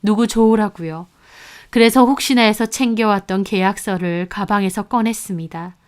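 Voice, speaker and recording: A woman narrating a first-person story in a plain, steady reading voice. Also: mid-range voice, normal speed, clear, resonant tone.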